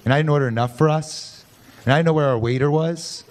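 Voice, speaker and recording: A man in his thirties doing a dry, deadpan stand-up set on a club stage, speaking into a handheld mic. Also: on the high side, fast. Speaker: stand-up comedian. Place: comedy club stage before a live audience. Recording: loud club crowd and noise. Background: loud audience laughter.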